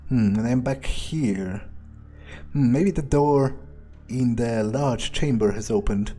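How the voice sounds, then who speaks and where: Speaking slowly in a warm, medium-pitched voice over soft background music, a gaming video creator comments on a game in character. His thinking aloud is hesitant, musing and sardonic, peppered with casual swearing.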